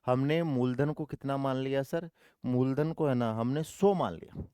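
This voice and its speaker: A man's voice: mid-range voice, moderate pace, mellow, smooth, no room sound, clean studio sound. A male maths teacher running an online coaching class, repeating each step and answering his own questions, calling students "dear brother".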